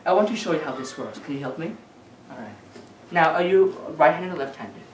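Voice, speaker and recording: At a children's party, a woman working as a magician delivers patter and instructions and asks the young audience questions. Her voice is low, animated and a little fast. The recording sounds echoey and distant-miked, with a noisy background.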